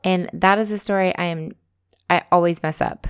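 A woman from the American South co-hosting a podcast in casual chat. She chats in a relaxed way and is quick to chime in. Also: lowish voice, clear, resonant tone, no echo, clean studio sound. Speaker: podcast co-host.

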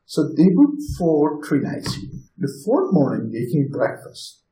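A man in his forties from Turkey with a Turkish accent, a guest telling lively stories in halting English as a non-native speaker. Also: on the high side, slight background noise. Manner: chatty, animated storyteller, halting phrasing. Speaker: guest, inn owner and balloon pilot. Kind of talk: casual interview storytelling. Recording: roomy echo.

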